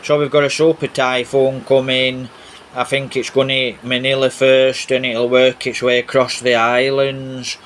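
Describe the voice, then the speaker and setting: A man narrates his vlog over video footage in a casual, rambling way, repeating himself often. His mid-range voice is a little slow, and rain on the roof makes a steady background noise.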